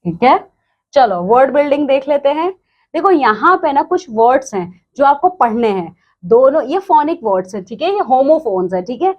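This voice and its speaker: A woman teacher, reading lines slowly and then explaining them quickly in Hindi. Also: high-pitched, sing-song, lo-fi sound. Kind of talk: textbook lesson explanation.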